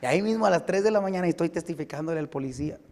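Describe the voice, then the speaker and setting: A man's voice: a little high, very fast. A pastor, telling a personal story in his sermon and building to emphatic exhortation. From United States. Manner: lively anecdotal preaching, building to emphatic exhortation. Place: church sanctuary. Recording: long church-hall reverb.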